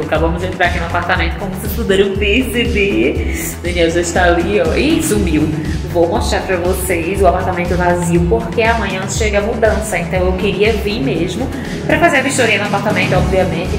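A chatty, excitable woman with a lowish voice gives her viewers a tour of an empty apartment. Her words ring back off the bare walls of the empty rooms. Music plays clearly underneath. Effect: echo of an empty apartment. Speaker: vlogger. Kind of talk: casual vlog apartment tour. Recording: echoey bare room with music behind.

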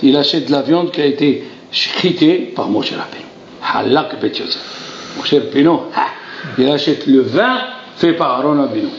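A man giving a Torah lesson, animated and theatrical, acting out dialogues and crying out in exclamations. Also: medium pitch, normal speed, a little hiss or hum. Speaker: rabbi teaching a Torah class. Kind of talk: lively French Torah lesson. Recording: roomy lo-fi recording with faint ambience.

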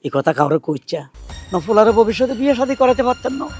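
A man's voice: very high-pitched, very animated, fast talker, darkish tone, soft background music. Man playing a worried searching father. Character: worried father hunting for his son.

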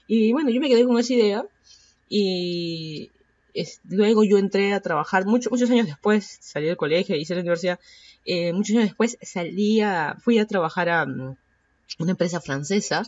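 Her voice medium-pitched and a little mellow, a podcast host from Peru in her thirties rambles casually on her solo show in Peruvian-accented Spanish, with plenty of fillers and self-corrections. The audio is dull.

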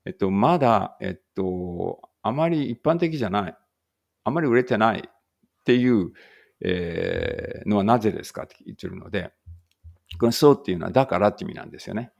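A man runs a relaxed read-aloud English lesson, chatting and correcting himself as he goes, then slowing right down for the English lines. His voice sits low with a gravelly edge. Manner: chatty, self-correcting, reads English slowly. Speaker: English teacher.

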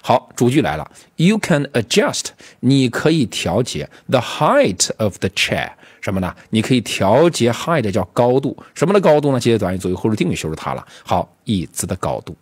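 A man teaching English vocabulary to students, explaining step by step and repeating words slowly. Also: mid-range voice, sing-song, husky. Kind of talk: classroom-style vocabulary lesson.

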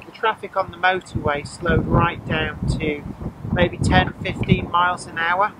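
A woman's voice: fairly low pitch, background noise. Matter-of-fact, tired woman. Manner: matter-of-fact, plain explaining. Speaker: driver, co-host. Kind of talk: casual explanation. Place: outdoors at a roadside car park.

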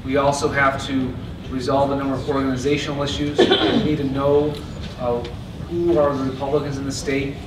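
A man giving a steady, earnest convention stump speech at a podium microphone. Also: medium pitch, brisk. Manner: earnest, steady delivery with occasional restarts. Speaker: party chair candidate. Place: large convention hall, indoors. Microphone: podium mic on stand. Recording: echoey hall from a far camera with noise.

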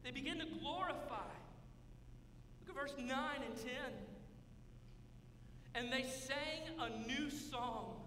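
Man, pastor, emphatic sermon, slow deliberate delivery, bright voice, roomy church sanctuary. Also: extremely high pitch, a little hiss or hum. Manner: emphatic preaching, drawn-out words, gestures while walking the stage. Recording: echoey hall from far off.

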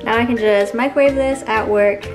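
Filming herself on a close-held handheld camera, a twenty-something lifestyle vlogger talks her way through her car, a grocery store and her kitchen with background music behind her. She is chatty, a touch wry and tired, and her fairly high voice keeps a steady tone at a moderate pace.

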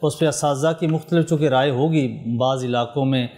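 A man's voice: medium pitch, fairly even intonation, fairly quick, a little mellow. Polite male host moderating judges. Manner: frequent affirmations, polite. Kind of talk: moderating a judging panel.

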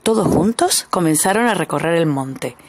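A woman narrating a children's story aloud in a lively way, changing her voice for each animal that speaks. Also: moderate pace, noisy background. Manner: lively, shifts pitch for each animal's lines.

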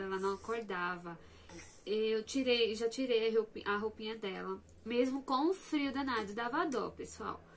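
A young woman with a fairly high voice tells her story to viewers in a chatty, animated vlog. She talks casually and directly to her audience. A faint hiss of background noise sits under the recording. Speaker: vlogger.

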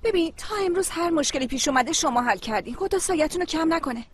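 Young daughter, high voice, gentle but firm, TV dub. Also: female voice, animated, slight background noise. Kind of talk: Persian dubbing of a TV series.

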